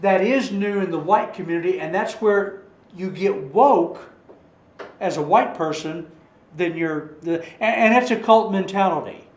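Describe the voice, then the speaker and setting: A Bible study leader speaks a little slowly in a high-pitched male voice, leading casual talk with a church group. The room echoes, and his rambling speech is marked by restarted sentences, repeated words, and rhetorical questions to those gathered.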